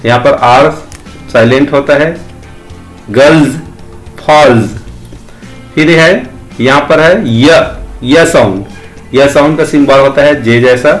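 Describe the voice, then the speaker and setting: A man teaching English pronunciation in a slow lesson, saying single sounds and words one at a time in drills. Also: medium pitch, faint music behind.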